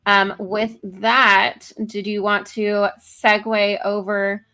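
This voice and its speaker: A woman's voice: medium pitch, flat delivery, slow, sharp tone. A woman co-hosting a casual political talk show, reading news articles aloud with many fillers and self-corrections. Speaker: co-host.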